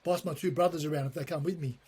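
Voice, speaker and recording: A man, a podcast guest telling stories in a lively, animated way and acting out the dialogue. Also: a little high, fast talker, husky. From born in Turkey, raised in Australia. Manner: animated storyteller who acts out dialogue. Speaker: guest, comedy writer. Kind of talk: casual podcast conversation.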